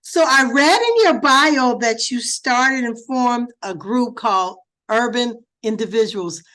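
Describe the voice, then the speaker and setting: A woman's voice: a little high, measured pace, bright, forceful tone, rough recording. A woman in her sixties from Chicago, hosting an interview with enthusiastic, affirming comments. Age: 60s. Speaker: interview host. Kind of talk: casual interview chat.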